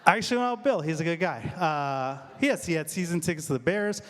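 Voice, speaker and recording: A man's voice: a little high, animated, quick pace, fairly bright tone. A man with a Chicago-area American accent doing a stand-up set on a theater stage, chatting with the crowd and joking at his own expense. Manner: chatty crowd work, self-mocking. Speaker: stand-up comedian.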